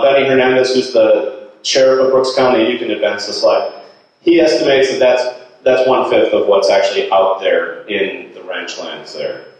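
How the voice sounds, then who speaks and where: A middle-aged nonprofit director, appearing as a guest speaker, gives an informal slide presentation in an indoor meeting hall, his somewhat low voice earnest and halting as he thinks aloud. He uses a handheld microphone fed through the room speakers, and the recording sounds distant in a very echoey space.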